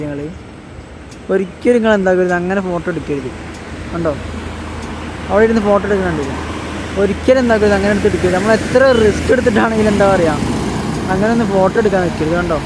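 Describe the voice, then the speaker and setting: A travel vlogger with a Kerala accent chatting casually to viewers in Malayalam mixed with frequent English words. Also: medium pitch. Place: outdoors on roadsides during a bike trip. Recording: loud outdoor traffic and vehicle noise.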